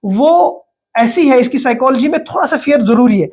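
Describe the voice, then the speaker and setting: A man's voice: extremely high pitch, expressive, normal speed, a little mellow. Middle-aged man, thoughtful and hesitant. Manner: thoughtful, hesitant with many fillers and restarts. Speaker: education expert guest. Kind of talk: podcast interview.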